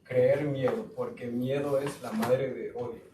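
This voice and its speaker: A man from Guatemala giving a student presentation to a school board, pausing often with fillers. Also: medium pitch, steady tone, mellow. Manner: halting, with frequent fillers. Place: school board meeting room. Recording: echoey room, far mic, noisy.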